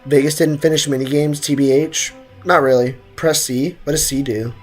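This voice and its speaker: A young, hyped-up male gaming streamer gives live game commentary and chats with his viewers, excitable, joking and trash-talking. His voice is a little high and his pace moderate, with faint music behind him.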